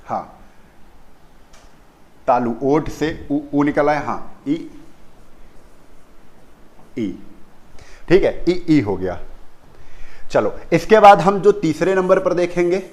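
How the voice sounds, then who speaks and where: A male teacher takes a class through where each sound is made. His voice sits a little high for a man, and he says each term twice before he asks the class for it again. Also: very animated, takes it slowly, long pauses, a little mellow. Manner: repeats key terms, asks the class questions. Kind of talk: classroom lesson on pronunciation.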